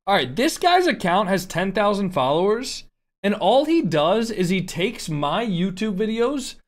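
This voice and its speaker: A man's voice: high-pitched, sing-song, a little slow. A young man streaming a game, chatting casually in a rambling way full of fillers and restarts. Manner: rambling, filler-heavy, indignant. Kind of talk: casual live-stream chat.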